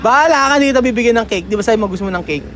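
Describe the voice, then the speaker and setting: A man's voice: very high voice, very fast, crowd noise. A man from the Philippines vlogging in casual chat, playful and coaxing, often stopping and restarting his words.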